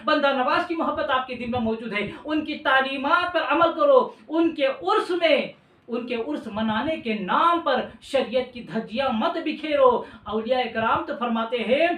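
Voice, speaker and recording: A man's voice: extremely high pitch, a bit bright. A male preacher delivering a fiery sermon, firing off rhetorical questions and coming back again and again to the same refrain. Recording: echoey room, mic at a distance.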